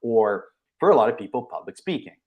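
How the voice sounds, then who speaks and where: Brief: forties male host, chatty, mid-pitched, loose conversational delivery. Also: sing-song, brisk, lo-fi sound. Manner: chatty, thinks out loud with many fillers. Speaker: podcast host and leadership coach. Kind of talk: casual interview chat.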